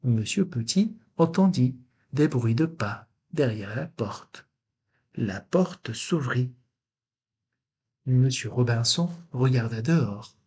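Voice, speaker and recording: Husky guy reading a kids' story, slow and gentle. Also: mid-range voice, animated. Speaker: storybook reader. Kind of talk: children's story read-aloud.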